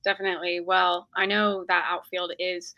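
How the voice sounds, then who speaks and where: A woman's voice: on the low side, level tone, moderate pace, dry recording, lo-fi sound. A young woman hosting a casual sports podcast interview, chatty and upbeat with frequent fillers. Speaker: podcast host.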